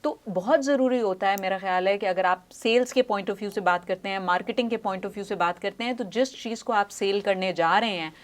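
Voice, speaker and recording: A woman speech pathologist is a guest in a studio interview. She explains her points patiently through everyday examples and slips English phrases into her talk. Her voice sits at an ordinary middle pitch. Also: normal speed, hardly any pauses. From Pakistan. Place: news studio.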